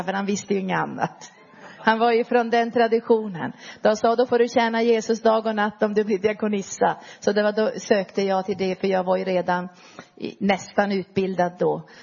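A middle-aged woman preacher telling her conversion story in an earnest, storytelling way, dropping low and soft at key moments. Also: gravelly, lo-fi sound. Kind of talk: personal testimony sermon.

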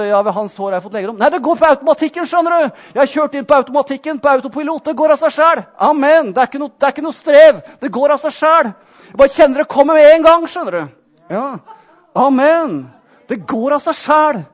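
A man preaching a sermon with fervor, repeatedly calling out amen and hallelujah. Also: very high voice. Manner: fervent, punctuates with amen and hallelujah. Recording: dull lo-fi sound.

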